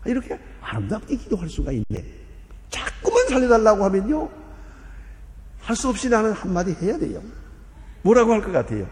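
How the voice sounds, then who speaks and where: Older pastor preaching with lively pitch. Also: male voice, fairly quick, pauses often. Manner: lively storytelling with sudden loud emphasis. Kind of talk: sermon. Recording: long reverb of a church hall.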